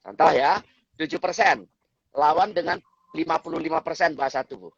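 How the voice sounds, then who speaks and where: A man's voice: a little high, fairly quick, vocal fry, slightly rough, dry recording. A man as the guest expert on a talk show, lecturing on communication and acting out example phrases in different tones. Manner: lecturing, acts out example phrases with changing intonation. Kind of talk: explanatory talk show chat. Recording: dull lo-fi recording.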